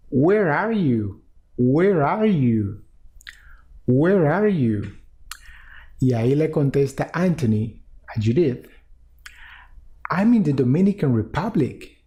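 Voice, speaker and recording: A man teaching an English lesson to Spanish speakers, repeating English phrases slowly and then explaining them in Spanish. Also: fairly high pitch, mellow.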